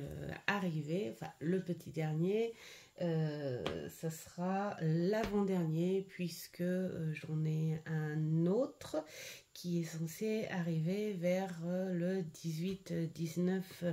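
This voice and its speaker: A middle-aged woman talks slowly through a casual card-deck review at home. Her voice sits low and mellow, and she stops and starts with many fillers. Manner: hesitant, full of "euh" fillers and restarts. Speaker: tarot and oracle card vlogger. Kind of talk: casual unboxing and review chat.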